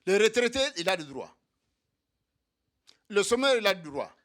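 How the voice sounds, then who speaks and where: This is a man with a high, somewhat bright voice, very animated but at a normal speed. He addresses comrades in a meeting hall with a militant solidarity-evening speech on behalf of undocumented migrants, repeating himself to rally everyone.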